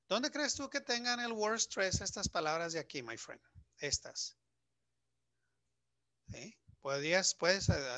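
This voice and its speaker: A man teaching English to Spanish speakers in a video lesson, lively and asking the viewer questions. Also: on the high side, no room sound. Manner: lively, stretches words and asks the viewer questions.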